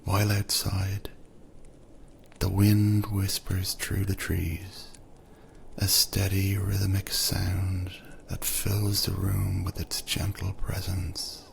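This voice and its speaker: A man narrating a second-person sleep story in a soft, soothing voice that often drifts into whispers. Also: deep voice, monotone, slow, creaky, a little hiss or hum.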